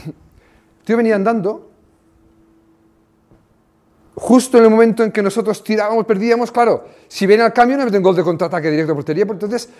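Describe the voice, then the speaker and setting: A man, a former coach giving a motivational talk, telling lively anecdotes with sound effects. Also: sits high, a little fast, long pauses. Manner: animated storytelling with sound effects.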